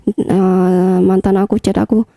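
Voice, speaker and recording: Very dark-toned young woman telling a story. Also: mid-range voice, level tone, a little slow, vocal fry, no echo. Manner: chatty, hesitant with many fillers. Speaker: interview guest. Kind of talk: casual personal storytelling.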